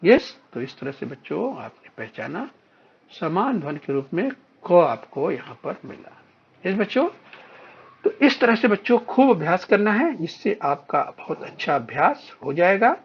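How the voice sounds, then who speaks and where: Slow, patient male teacher, husky voice. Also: sits high, very animated, muffled recording. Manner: slow, drawn-out repetition of words for children. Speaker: primary school teacher. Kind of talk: online phonics lesson for children.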